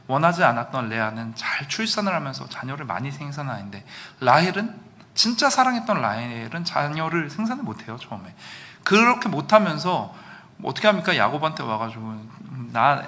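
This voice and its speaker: A male pastor delivers a sermon in a church with a bright, forceful tone. His voice sits fairly high and moves through a wide, lively range. He sometimes breaks into loud outbursts to act out quoted lines. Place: church sanctuary.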